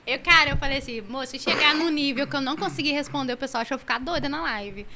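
A woman streamer in casual podcast chat, talking very fast with hyper, excitable energy. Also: sits high, slight background noise.

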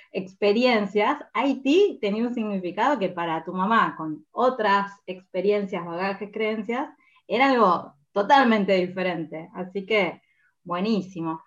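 A woman with an Argentine accent talks as a podcast guest, explaining points patiently and filling pauses as she thinks. Her pitch sits in an ordinary middle range. The audio is a little dull and lo-fi. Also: fairly bright tone. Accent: Argentine Spanish. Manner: explanatory, thinks aloud with fillers. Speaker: podcast guest, communication speaker. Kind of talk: casual podcast conversation.

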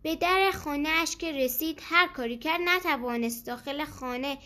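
A woman narrating a children's story in a gentle, expressive way. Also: sits high.

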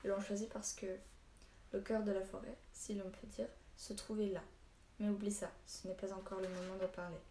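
A woman reads a gruff old hermit who tells stories slowly and loses his temper quickly. The delivery is mellow and even, with little rise and fall. The audiobook recording carries room echo and a faint hiss. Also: mid-range voice, close to an everyday voice. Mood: grave. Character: old male hermit storyteller, stern and short-tempered. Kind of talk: audiobook reading.

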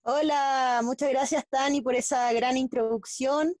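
Recorded close and dry, nearly free of room echo, a female guest athlete from Chile chats in a casual interview. Her fairly high voice has a darkish tone and fairly level intonation, and she stumbles along with many fillers and restarts in her Chilean Spanish.

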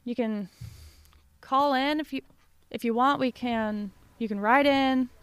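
A woman's voice: a little high, measured pace, clean tone, no room sound. A woman co-hosting a podcast in casual, chatty conversation, recorded at a desk mic at home. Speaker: podcast co-host. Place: home basement with no door. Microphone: desk microphone.

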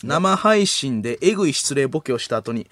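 Lively young Kansai man on late-night radio. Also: medium pitch, no room sound. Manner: quick, playful, breaks into giggles. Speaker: radio comedy host. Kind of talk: late-night radio comedy, reading listener letters. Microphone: studio mic.

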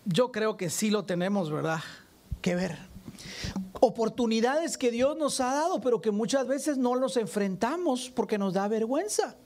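A man preaching a sermon, animated and questioning his congregation directly. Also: extremely high pitch, moderate pace.

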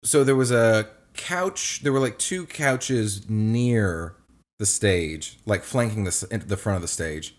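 A young man co-hosting a casual chat, telling a story with lively acted-out quotes. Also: measured pace. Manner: animated storyteller, acts out quotes in a high voice. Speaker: podcast co-host.

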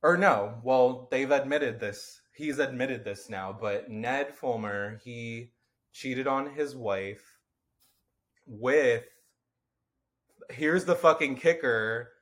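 A man's voice: mid-range voice, slow, a bit bright. A man co-hosting a podcast in casual chat, rambling with lots of fillers and casual swearing, and a slightly nasal voice. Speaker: podcast co-host.

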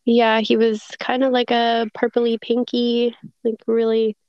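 A woman's voice: fairly high pitch, monotone, measured pace, no room sound, lo-fi sound. A woman being interviewed, telling a personal story in a reflective, hesitant way with many fillers and restarts. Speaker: guest.

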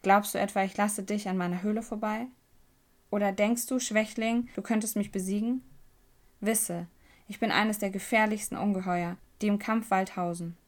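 A woman doing a shrill, mocking cave monster. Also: steady tone, moderate pace, close to an everyday voice. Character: gaunt giant female monster of cowardice.

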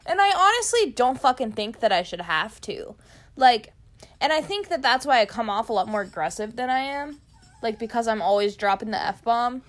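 A woman's voice: a little high, normal speed. A woman in her twenties co-hosting a podcast, talking casually and cussing often. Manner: animated, swears a lot, laughs often. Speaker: podcast co-host. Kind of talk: casual chat.

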